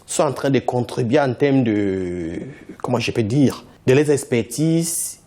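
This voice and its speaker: An insistent Cameroonian founder, whose first language is English, answers a TV interviewer in an unhurried way, circling back to repeat his points. His voice carries a lively pitch.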